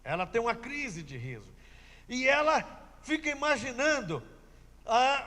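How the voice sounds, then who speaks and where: A man delivers a sermon in a very high, lively voice, retelling scripture with emphasis and repeating his key lines. His voice rings out through a church with a long reverb. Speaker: preacher.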